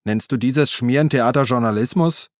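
A man voicing a gruff, irritated grown man in an audiobook, speaking curtly and grumbling. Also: mid-range voice, moderate pace, dry recording, studio quality, natural voice. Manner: curt, grumbling. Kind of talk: audiobook reading.

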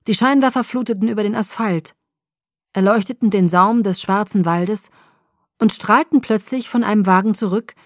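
A woman reading an audiobook in steady first-person narration. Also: mid-range voice, no echo, clean studio sound.

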